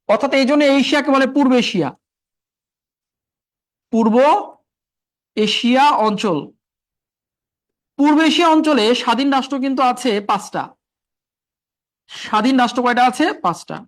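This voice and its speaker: A male exam-prep teacher, lecturing and drilling the class by asking questions and answering them himself. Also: very high voice.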